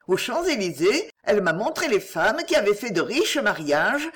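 A woman voicing an earnest, loving fifteen-year-old girl in a read-aloud novel, her pitch lifted and pleading. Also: big pitch swings, moderate pace, husky.

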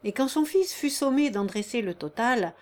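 An audiobook narrator, a woman with a fairly high voice, reads a classic novel in a measured, even storytelling style.

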